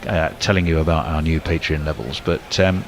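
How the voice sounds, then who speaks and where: A man's voice: extremely low pitch, steady tone, fairly quick, slight background noise. A man doing casual ball-by-ball cricket commentary, rambling with fillers and restarts.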